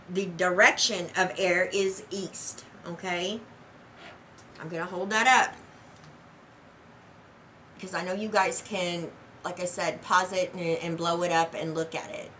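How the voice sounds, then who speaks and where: A woman's voice: medium pitch, pushed and bright, a little hiss or hum, rough recording. A woman teaching a tarot lesson in a casual, talkative way, tagging "okay?" onto her sentences. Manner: talkative, says "okay" after most sentences.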